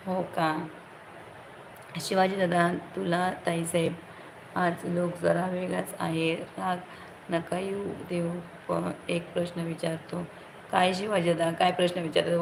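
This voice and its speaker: A woman's voice: lowish voice, rough recording. A woman hosting a casual live stream, greeting viewers by name and asking everyone to like the stream. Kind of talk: casual live-stream chat reading comments. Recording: faint background noise.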